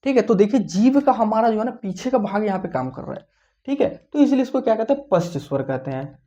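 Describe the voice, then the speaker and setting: A teacher giving an online exam-prep lesson, who asks questions and answers them, repeats key points, and slowly sounds out each vowel. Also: medium pitch, lively intonation, mellow, lo-fi sound. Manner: slows down to say the vowel sounds out clearly. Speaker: Hindi grammar teacher.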